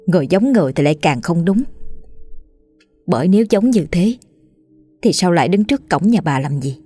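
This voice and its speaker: A woman's voice: on the low side, expressive, mellow, breathy edge, soft background music. A woman voicing a frightened older village woman who pleads anxiously, in a spoken ghost story. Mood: worried. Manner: pleading, worried, hurried.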